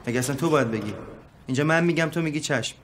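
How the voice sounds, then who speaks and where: An actor playing a contemptuous, insulting male boss in a film, shouting down an employee. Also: on the high side, slight background noise, lightly acted. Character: bullying foul-mouthed male boss, contemptuous. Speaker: abusive boss.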